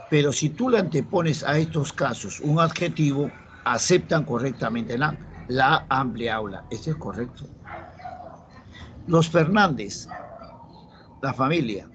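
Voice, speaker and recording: A man's voice: medium pitch, highs cut off, a little hiss or hum. A male teacher from Peru explaining a grammar lesson step by step and checking in with his students. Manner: explains step by step, asks the class checking questions. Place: classroom.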